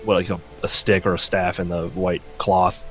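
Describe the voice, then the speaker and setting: A man's voice: low voice, level tone, normal speed, fairly bright tone, faint music behind. A man playing a tabletop role-playing game, describing his moves casually and stammering as he repeats words.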